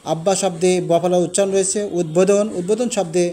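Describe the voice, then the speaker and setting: A man's voice: high voice, steady tone, fast talker, warm tone. A man with a Bangladeshi Bengali accent teaching a grammar lesson, going step by step and repeating each example word.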